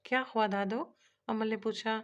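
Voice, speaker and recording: Woman narrator reading a romance novel, lightly shifts her voice for each character, higher register, muffled recording. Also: flat delivery, normal speed. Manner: reads all characters' dialogue in a lightly shifted voice.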